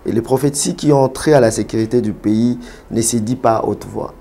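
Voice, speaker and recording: A man from Kinshasa, a pastor and prophet, answering interview questions in a measured way with many hesitations. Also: medium pitch, gravelly, warm tone. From Congo (Kinshasa).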